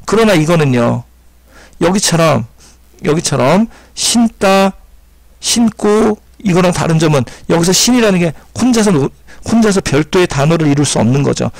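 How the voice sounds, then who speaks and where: A man's voice: on the high side, creaky, a little mellow, dry recording. A man teaching an exam-prep grammar lecture, explaining step by step and repeating key terms as he sounds words out. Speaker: Korean language teacher.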